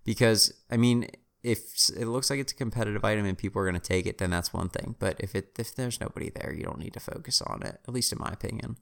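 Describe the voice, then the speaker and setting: A man's voice: fairly low pitch, fast, vocal fry, a bit bright. A man in his twenties casually telling a story about reselling garage-sale finds, rambling with restarts and wry self-mocking humor. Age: 20s. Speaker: reseller vlogger.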